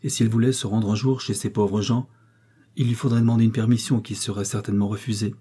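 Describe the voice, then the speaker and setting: Husky, low-voiced male audiobook narrator. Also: little pitch movement, fast talker, mellow. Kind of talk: scripted narration.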